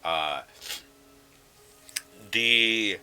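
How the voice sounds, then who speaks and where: A man narrating a tabletop game as game master, halting and full of fillers as he describes the scene. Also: lowish voice, expressive, sharp tone, clear, resonant tone. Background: faint background music.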